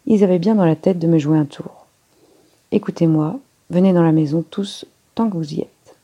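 Woman reader voicing Poirot: courteous older detective, calm authority, dark husky tone. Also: fairly low pitch, normal speed, dull audio.

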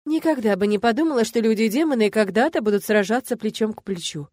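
A woman's voice: a little high, fast, darkish tone, no echo, studio quality, close to an everyday voice. A woman voicing an awed young female student friend in an audiobook, drawing out her words in wonder. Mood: amazed.

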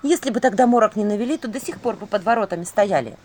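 A woman voicing a frightened, excitable young witch who exclaims and whispers breathlessly in an audiobook. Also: mid-range voice, quick pace, close to an everyday voice. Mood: alarmed.

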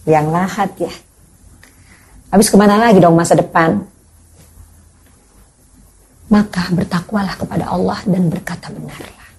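A woman's voice: lowish voice, a little mellow, a little hiss or hum. An older woman giving a parenting seminar, questioning her audience and acting out scolding parents. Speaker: parenting speaker.

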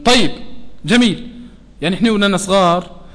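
A man with a Tunisian Arabic accent leads a class through a Quran recitation lesson, frequently checking that students are following and slowing down to model sounds. His voice is high-pitched, expressive and a bit bright.

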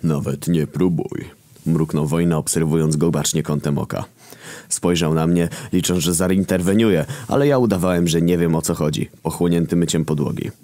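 Male narrator, deadpan and crude, very low voice, dry close sound. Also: fairly quick, no room sound. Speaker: story narrator. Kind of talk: scripted dark-comedy narration.

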